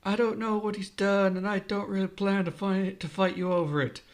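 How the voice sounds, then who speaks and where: Guy doing a desperate old village mayor, high and shaky, storybook style. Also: little pitch movement, normal speed. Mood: pleading. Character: pleading older male village mayor.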